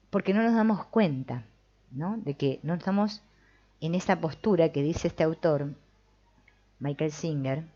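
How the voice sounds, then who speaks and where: A woman's voice: deep voice, a little mellow, dull audio. A woman hosting a live-streamed book discussion, talking it through conversationally and often checking in with her listeners. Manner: conversational, keeps checking in with tag questions. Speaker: host of a book reading and discussion.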